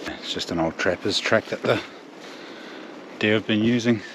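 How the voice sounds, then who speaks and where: Low-voiced man with a broad Kiwi accent. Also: normal speed, background noise. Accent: broad New Zealand. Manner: laconic, slangy, swears easily. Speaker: outdoor hunting vlogger. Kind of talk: casual vlog chat. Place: outdoors in bush and by a river.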